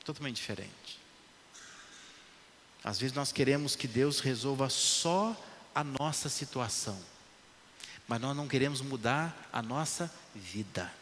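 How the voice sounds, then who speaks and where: Emphatic preacher man. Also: medium pitch. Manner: emphatic, repetitive, rising and dropping to hushed lines. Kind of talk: sermon. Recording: echoey hall, faint noise.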